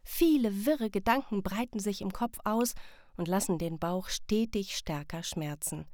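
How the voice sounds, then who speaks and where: A woman calmly narrating a scripted children's story. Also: mid-range voice, a little slow, no room sound, clean studio sound.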